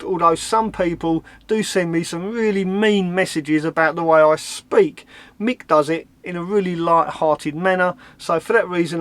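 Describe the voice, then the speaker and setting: A man's voice: high-pitched, no room sound. A man with a Cockney accent from London, chatting casually to camera from inside his camper van, with a self-mocking manner. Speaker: van-life vlogger. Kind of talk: casual vlog chat to camera.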